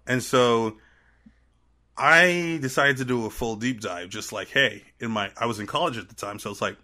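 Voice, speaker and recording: Podcast guest: a man with a bright, forceful Trinidadian accent tinged with American sounds, an animated storyteller. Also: mid-range voice. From Trinidad and Tobago. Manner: animated storyteller, quick to laugh. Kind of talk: casual podcast chat.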